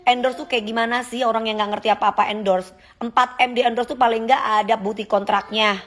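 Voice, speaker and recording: A woman hosts a livestream from her phone, speaking briskly in a slightly high, steady, fairly bright voice. She reads comments aloud and teases her critics in a sassy, confrontational way.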